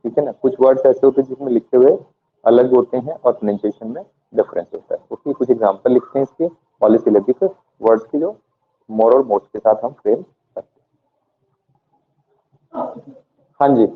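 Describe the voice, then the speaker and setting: A man teaching an English grammar lesson to a class. He asks questions and answers them himself, and spells words out letter by letter. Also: medium pitch. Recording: tinny phone-like audio.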